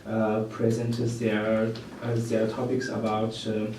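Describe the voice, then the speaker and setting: A male student in a group discussion, speaking haltingly with many fillers. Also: lowish voice, completely flat delivery. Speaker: student participant. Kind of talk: casual discussion. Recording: very echoey room from far off, noisy.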